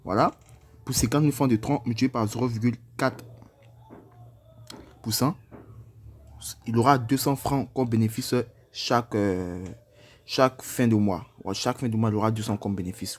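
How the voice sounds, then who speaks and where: A man casually walking through an app tutorial step by step, hesitant and repeating himself with frequent fillers. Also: medium pitch. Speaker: crypto tutorial presenter.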